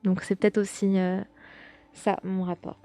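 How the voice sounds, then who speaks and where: A woman's voice: medium pitch, flat delivery, a little slow, dark tone, dry recording, faint music behind. A young woman hosting a podcast, chatting casually as she reads out viewer comments, with lots of fillers and restarts. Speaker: podcast host.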